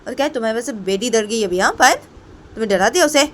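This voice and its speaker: A woman voicing an exasperated woman who loudly scolds her partner in a storybook tale. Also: on the high side, very animated, a little fast, a little hiss or hum, pitched above the performer's own voice. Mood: scolding. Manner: loud, scolding, insistent.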